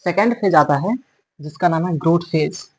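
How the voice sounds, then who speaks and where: A fairly high-pitched man teaches biology lecture-style at a normal speed, blending English terms into his Hindi. He repeats and corrects terms while explaining. It's a rough recording.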